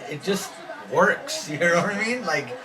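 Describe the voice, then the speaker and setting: An animated man co-hosts a casual reaction chat, laughing often and restarting his sentences. His pitch swings widely as he talks. A loud arena crowd plays behind him. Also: unhurried, low-quality recording. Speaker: co-host of a wrestling reaction show.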